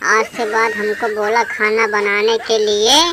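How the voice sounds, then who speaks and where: A woman's voice: mid-range voice, level tone, measured pace, noisy background, natural voice. Woman putting on a rude rich daughter-in-law. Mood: arrogant. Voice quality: rude, threatening manner. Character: lazy arrogant rich young daughter-in-law. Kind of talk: homemade comedy skit acting. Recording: music playing behind.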